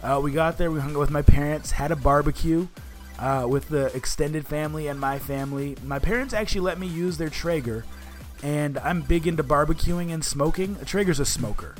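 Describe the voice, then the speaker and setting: A man's voice: a little high, a little fast, faint music behind. A man co-hosting a podcast in casual, enthusiastic chat, talking like he is with a buddy. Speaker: podcast co-host.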